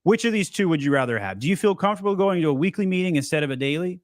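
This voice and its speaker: A man's voice: sits high, expressive, racing, no room sound, studio quality. A man hosting a live question-and-answer stream, giving blunt, joking advice in a casual chat. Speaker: host of a live seller Q&A.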